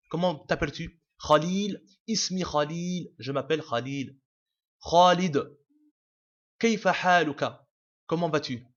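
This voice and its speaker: A man's voice: fairly high pitch, fairly bright tone. A man teaching a casual video lesson, explaining patiently with many fillers, restarts and repeats. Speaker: Arabic teacher. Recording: dull lo-fi home recording.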